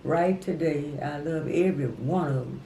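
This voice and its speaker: A woman in her eighties, speaking slowly and earnestly in a heartfelt family interview. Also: low-pitched, mellow, a little hiss or hum. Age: 80s. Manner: slow, earnest and plain-spoken. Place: family home. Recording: roomy sound with faint background.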